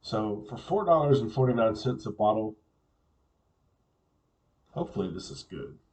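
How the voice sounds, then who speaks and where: A man casually reviewing a beer on his own, relaxed and musing, often repeating words as he thinks aloud. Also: fairly low pitch, normal speed, recorded from a distance, low-quality recording.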